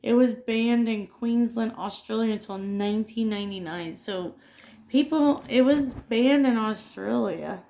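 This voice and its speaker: A woman's voice: fairly high pitch, measured pace, creaky, warm tone, poor audio. A woman co-hosting a casual pop culture chat, reading film trivia aloud and often stumbling over and correcting her words. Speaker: co-host.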